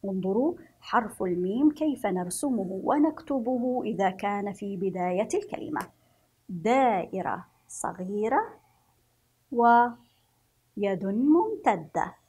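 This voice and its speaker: A Yemeni woman teaching a children's reading lesson, speaking slowly and encouragingly and stretching out letter sounds. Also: mid-range voice, a little mellow, breathy edge. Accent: Yemeni Arabic. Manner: slow, sing-song, encouraging, drawn-out letter sounds.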